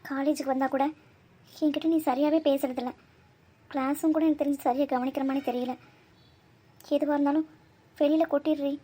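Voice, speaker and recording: Woman as anxious best friend in a cartoon, high bright voice, coaxing and insistent. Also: fairly even intonation, brisk, long pauses, close to an everyday voice. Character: worried young college woman, persistent best friend. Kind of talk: cartoon voice acting.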